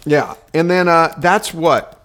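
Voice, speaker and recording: A man's voice: a little high, slow, a bit bright. A man co-hosting a casual sports podcast, rambling and playful as he interrupts himself. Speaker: podcast co-host.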